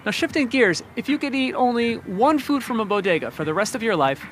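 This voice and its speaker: A man asking quick, upbeat rapid-fire questions as an interviewer. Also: very high voice, animated, fairly bright tone, a little hiss or hum.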